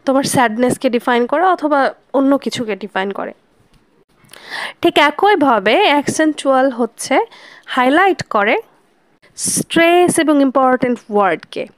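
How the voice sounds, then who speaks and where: High-voiced woman teaching a lesson. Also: no room sound. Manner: mixes English terms into speech, demonstrates intonation examples aloud; addresses students directly, checks understanding. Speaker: linguistics teacher. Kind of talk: informal explanatory lesson.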